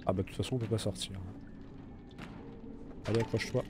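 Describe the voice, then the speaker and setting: In a very noisy recording, a man with a fairly low pitch talks fairly quickly with fairly even intonation. This let's play gamer, a bit under the weather with a cold, chats casually to himself over his gameplay.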